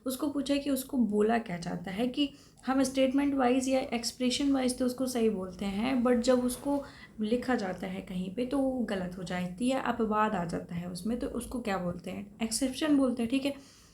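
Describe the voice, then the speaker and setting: A woman's voice: on the high side, normal speed, vocal fry, darkish tone, a little hiss or hum. A woman teacher explaining computer topics for a competitive exam in a patient lecture style, checking in often with her students. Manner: explanatory, checks in with repeated "thik hai". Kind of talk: classroom lecture.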